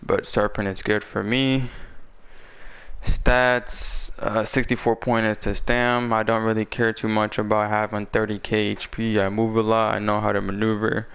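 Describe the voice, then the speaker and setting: A man's voice: on the low side, little pitch movement, a little slow, creaky, fairly bright tone, clear, resonant tone. A man talking casually and in slang as he presents a game build guide, his voice a little parched from being sick. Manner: informal, slangy talk.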